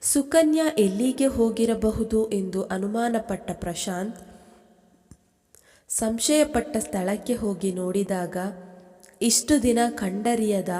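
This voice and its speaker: A woman narrating a scripted romantic story in a slow, steady, dramatic reading. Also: mid-range voice. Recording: long hall reverb.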